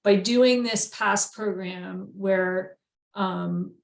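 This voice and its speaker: A woman moderating an online meeting, relaxed and hesitant, with many pauses. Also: mid-range voice, gravelly, reverberant.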